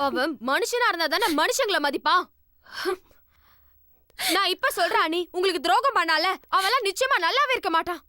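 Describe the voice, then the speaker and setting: A woman's voice: very high voice, animated, brisk, bright, forceful tone, no room sound, studio quality, exaggerated voice. An actress playing a young wife in a Tamil Nadu Tamil television serial, speaking in an indignant, consoling way to her sister-in-law. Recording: music score underneath.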